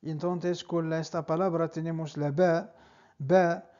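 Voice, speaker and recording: A man teaching an Arabic lesson, speaking slowly and repeating each word for the learner. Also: a little high, flat delivery, a little mellow. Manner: slow, repeats words for the learner. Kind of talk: online language lesson. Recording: dull lo-fi sound.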